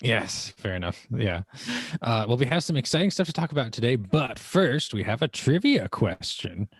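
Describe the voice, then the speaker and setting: A man's voice: mid-range voice, big pitch swings, normal speed, breathy edge, no echo. Easygoing young male podcast host. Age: 20s. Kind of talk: casual chat.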